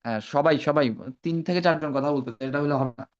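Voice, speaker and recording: A man's voice: a little high, a little fast. A man teaching an online Arabic class. He mixes in English words and keeps checking that his students follow. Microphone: video call. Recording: dull lo-fi online call audio.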